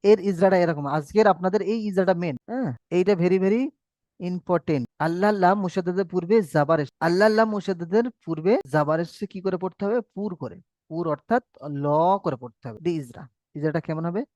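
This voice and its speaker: A man's voice: sits high, fairly quick, a little mellow, no room sound, clean studio sound. A man teaching Quran reading in a recorded online lesson, patiently drilling rules over and over and drawing out his recited examples.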